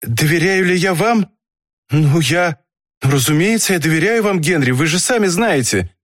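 A man reading an audiobook, voicing an anxious, gentle woman who pleads and protests. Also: a little high, animated, moderate pace, no echo, clean studio sound, pitched above the performer's own voice. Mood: flustered.

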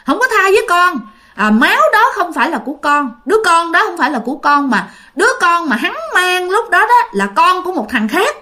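A dead young man's ghost speaks through a medium in a told ghost story, resentful and insistent, repeating his points, voiced by a woman narrator. The voice sits high and rises and falls widely, with a Southern Vietnamese accent. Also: sing-song, moderate pace, sharp tone, exaggerated voice. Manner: emphatic, repeating lines.

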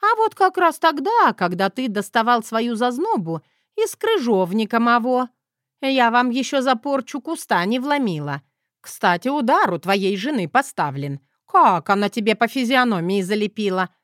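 A woman doing a brash, sharp-tongued granny. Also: fairly high pitch, big pitch swings, normal speed, dry recording, clean studio sound. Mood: sardonic. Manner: scolding, sardonic.

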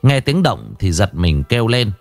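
A man narrating a story in a lively, expressive way, then chatting casually to listeners with many fillers. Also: on the low side, moderate pace, faint music behind.

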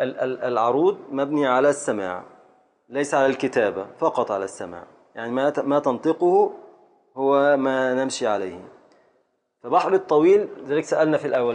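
A man's voice: medium pitch, a little mellow, slight background noise. A man with an Egyptian accent teaching a classroom lesson on Arabic grammar and prosody. He patiently scans verse aloud syllable by syllable and calls on his students.

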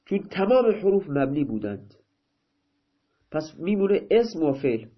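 Male teacher, somewhat high voice, reads text aloud and explains it step by step, muffled lo-fi recording. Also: big pitch swings, slightly rough. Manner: reads a line of text, then explains it in plain talk. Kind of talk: grammar lesson, reading and translating. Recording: dull, lo-fi recording.

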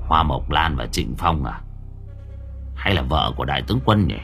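A man voicing a gruff, blunt old male spirit master in an audio story, speaking low and muttering. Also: animated, moderate pace, a bit bright, faint music behind, full character voice. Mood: puzzled. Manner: low gruff muttering, calls others "mày".

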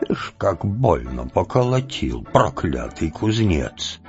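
A man's voice: sits low, big pitch swings, slow, darkish tone, exaggerated voice. Man doing a grumbling old Cossack. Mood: muttering. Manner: muttering to himself, indignant outbursts. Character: aging grumbling Cossack villager, stubborn and resentful. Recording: dull lo-fi audiobook, faint music.

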